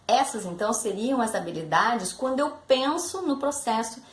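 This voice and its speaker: A woman's voice: a little high, expressive, normal speed. A woman with a Brazilian Portuguese accent, a literacy education professor, explaining step by step with concrete examples and talking directly to her listeners. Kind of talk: explanatory teaching talk. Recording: echoey room with faint background noise.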